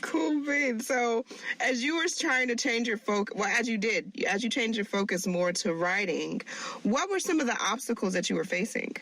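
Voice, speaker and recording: An upbeat woman hosts a podcast with a slightly high voice. She sounds encouraging and keeps the questions moving. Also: normal speed, fairly bright tone, poor audio. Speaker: podcast host. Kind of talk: podcast interview.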